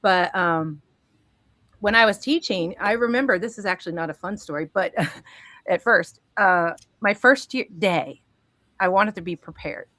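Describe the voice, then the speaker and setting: A woman in her fifties from Connecticut, a guest educator telling her first-year story, emotional and quick to laugh. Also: mid-range voice, bright, forceful tone, dry recording. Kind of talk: panel discussion answer.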